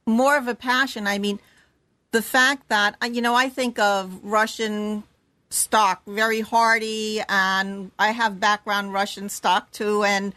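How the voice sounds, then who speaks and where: A woman's voice: medium pitch, fairly bright tone, no echo. A woman hosting a casual interview, chatty and encouraging as she asks questions. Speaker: host.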